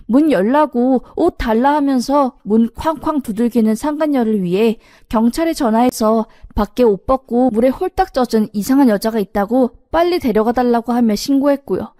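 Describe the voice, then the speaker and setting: A woman narrating a personal story in a brisk, emphatic scripted retelling. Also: fairly high pitch, mellow, no room sound, clean studio sound.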